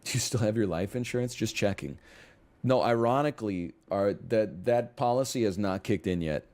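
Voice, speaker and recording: A man's voice: fairly low pitch, moderate pace, a little mellow. A man in his thirties chatting casually on a live stream, telling rambling, self-mocking stories to his viewers.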